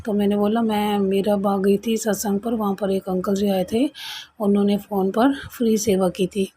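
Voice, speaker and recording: A woman's voice: medium pitch, little pitch movement, moderate pace, noisy background. A woman earnestly recounting a personal experience to a congregation, in a casual storytelling way with retold dialogue. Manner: earnest, conversational, retells quoted dialogue. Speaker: devotee sharing experience.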